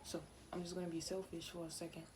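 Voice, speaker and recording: A woman's voice: on the low side, level tone, fast, noisy background. Chatty young woman, rambling. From Louisiana, USA. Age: 20s. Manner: rambling, chatty, self-focused asides. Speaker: vlogger. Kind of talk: casual talk to camera. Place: home, indoors.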